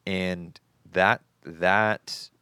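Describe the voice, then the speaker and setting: A man with a very low voice hosts a casual podcast conversation. He talks earnestly and thoughtfully, often restarting his sentences. The sound is dry and close to the mic. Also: fairly even intonation, extremely slow, pushed and bright, smooth, no echo. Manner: earnest, reflective, with frequent restarts. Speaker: podcast host.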